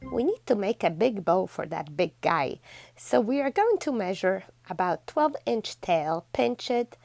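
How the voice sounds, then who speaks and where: A woman's voice: mid-range voice, measured pace, vocal fry, faint music behind. A woman hosting a DIY craft tutorial, chatty and effusive toward her viewers, walking through steps one by one. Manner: chatty and effusive, warmly thanking viewers as "besties"; steady step-by-step instructions. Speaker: DIY craft channel host.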